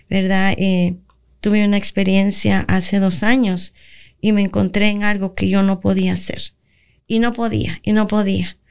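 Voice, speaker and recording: A woman's voice: medium pitch, a little mellow, clear, resonant tone. A woman pastor with a Latin American Spanish accent giving an earnest testimony on a church radio program, acting out her own prayers as she tells the story.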